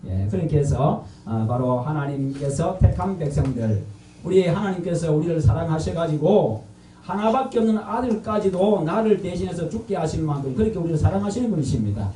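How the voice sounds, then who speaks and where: Quick and animated, a middle-aged pastor from North Gyeongsang, Korea, with a Gyeongsang accent, preaches evangelistically, asking the congregation questions and repeating what they say. His fairly high, dark voice comes through with a little hiss or hum, distant and echoing in a large church sanctuary.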